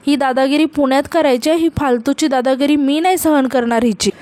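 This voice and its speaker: A woman voicing a quarrelsome young woman from a family serial, answering in sharp, indignant retorts. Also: high-pitched, a little fast, no room sound, close to an everyday voice. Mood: angry.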